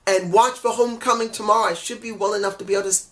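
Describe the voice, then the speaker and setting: A wrestling show reviewer with a stuffy head cold talks very fast in a high, slightly bright voice with fairly even intonation. Feeling under the weather, he rambles through a casual solo review, keeps correcting himself and apologizing for mix-ups, and grumbles in frustrated asides.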